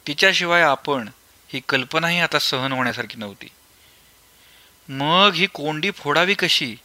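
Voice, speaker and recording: Bright-voiced male storyteller. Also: a little high, no echo. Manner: reflective, measured, expressive. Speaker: narrator. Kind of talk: scripted storybook narration.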